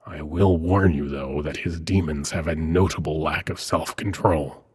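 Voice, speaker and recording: A very deep, steady male voice commits fully to the role of a teasing demon prince in intimate ASMR. Husky and often whispered, his slow, silky lines come across as playful and coaxing, with a quiet menace.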